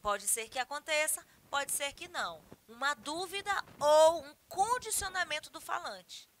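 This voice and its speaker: A woman teaching a Portuguese grammar lesson with a Brazilian accent, explaining in an expressive, emphatic way and often checking in with her students. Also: high voice, measured pace. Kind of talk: recorded classroom lesson.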